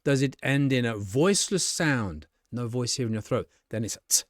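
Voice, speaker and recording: Male ESL teacher, British English accent, animated intonation, patient and deliberate, dry booth-like sound. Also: medium pitch, dry recording. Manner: slow, deliberate modeling of example words; frequent checking "okay?". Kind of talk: explanatory lesson.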